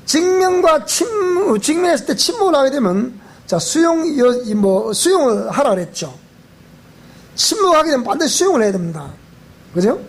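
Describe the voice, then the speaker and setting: A man with a Gyeongsang accent preaching a sermon in a church, animated, repeating phrases and asking the congregation questions. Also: very high voice, normal speed. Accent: Gyeongsang Korean. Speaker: pastor.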